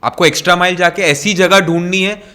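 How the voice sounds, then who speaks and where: A man's voice: high-pitched, steady tone, a little fast, bright, forceful tone, smooth. A man hosting a podcast interview, curious and agreeable, mixing English phrases into his questions. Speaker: podcast host.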